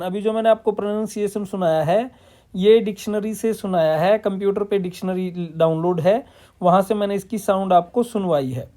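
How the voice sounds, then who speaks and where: This classroom-style lesson is led by a Punjabi man from India whose voice is high and dark in tone. Speaking Hindi sprinkled with English terms, he asks his own questions and then answers them.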